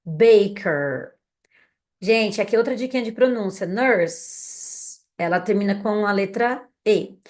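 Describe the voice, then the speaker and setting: A young adult woman with a Brazilian Portuguese accent and a medium-pitched, darkish voice runs an English vocabulary lesson. She calls out words slowly and patiently so learners can repeat after her.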